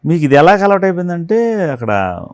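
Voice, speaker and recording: A man, a film art director, telling animated stories from a film shoot in an interview and acting out the dialogue. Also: sits high, brisk, smooth, no room sound, clean studio sound. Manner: animated storyteller who acts out quoted dialogue. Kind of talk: anecdotal interview storytelling.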